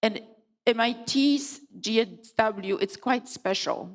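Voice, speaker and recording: Middle-aged woman w opening a conference, slow emphatic pauses, big hall echo. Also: fairly high pitch. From Poland. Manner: measured, emphatic delivery with deliberate pauses. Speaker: conference co-founder giving opening speech. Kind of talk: formal opening speech. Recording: long hall reverb.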